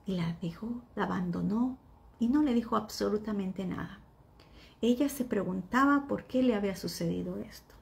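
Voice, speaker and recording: A woman giving a devotional sermon in a soft, earnest voice that often drops to a whisper. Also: mid-range voice, normal speed, gravelly.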